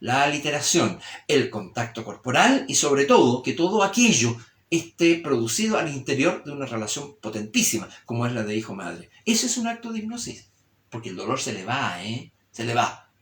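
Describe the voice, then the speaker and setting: A man with a Chilean accent giving a reflective humanities lecture, expressive, shifting his tone and pace to demonstrate what he means. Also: mid-range voice, moderate pace. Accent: Chilean Spanish. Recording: roomy echoey recording.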